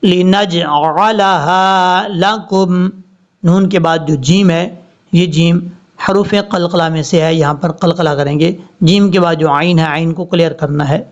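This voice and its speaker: A male Quran teacher explaining tajweed rules and reciting each word slowly and drawn out. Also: a little high, steady tone, darkish tone. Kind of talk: tajweed lesson with slow recitation. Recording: slightly dull lo-fi audio.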